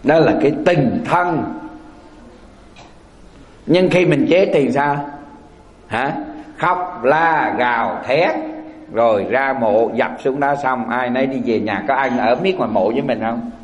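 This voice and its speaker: A Buddhist monk giving a folksy sermon, often asking the audience rhetorical questions. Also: male voice, mid-range voice, slow, long pauses. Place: temple hall. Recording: echoey hall.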